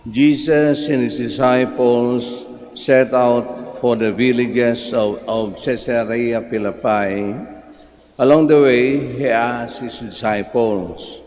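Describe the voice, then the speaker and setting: A male priest reading the Gospel at Mass in a slow, measured way, heard with a cathedral echo in a large church. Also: mid-range voice, fairly even intonation, a little mellow. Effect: cathedral echo, long church reverb. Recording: long church reverb with faint ambient noise.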